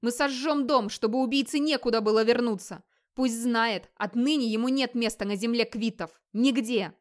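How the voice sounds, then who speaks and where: A woman's voice: on the high side, moderate pace, close to an everyday voice. A woman voicing a grieving warrior man who gives harsh commands. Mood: commanding.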